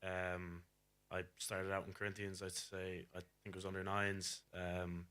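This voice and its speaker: A young man with a Galway Irish accent gives a casual interview as a rugby player. His voice is deep and even in pitch. He chats plainly about his sport. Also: unhurried, clean tone. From Galway, Ireland. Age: young adult.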